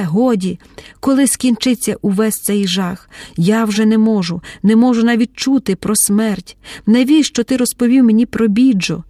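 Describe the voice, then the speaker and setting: A woman reading an audiobook, voicing a tense young woman who breaks into hysterical shouting. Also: mid-range voice, no echo, studio quality, natural voice. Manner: shouting, pleading outbursts.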